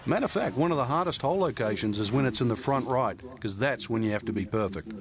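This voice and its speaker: A man's voice: medium pitch, animated, fast, background noise. A man working as a golf commentator, giving expert analysis of the course and shots.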